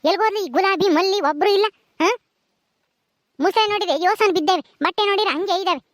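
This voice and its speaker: Woman doing a sharp-tongued village matriarch, rural Karnataka accent, very high voice, dry close sound, village drama. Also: quick pace, no echo. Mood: grumbling. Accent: rural Karnataka Kannada. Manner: scolding, nagging, sharp-tongued. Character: bossy, short-tempered village mistress of a house.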